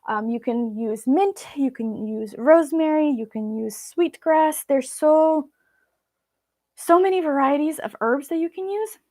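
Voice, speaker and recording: Hosting a live viewer Q&A, the Belarusian vlogger, a native Russian speaker, keeps things casual and chatty. She has a warm tone, a voice that sits high, and a slightly slow delivery.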